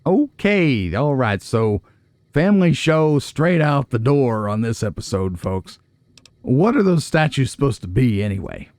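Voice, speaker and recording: Big pitch swings mark this man's mid-range, slightly mellow voice as he unhurriedly hosts a casual let's play, captured in clean studio quality with no room sound. He reads the game aloud, reacts, and offers wry comments to viewers.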